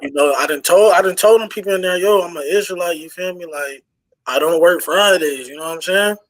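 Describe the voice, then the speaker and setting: High-voiced man telling a story. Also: brisk, dry recording, low-quality recording. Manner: animated storytelling with slang. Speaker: congregation member. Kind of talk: casual storytelling on a group call.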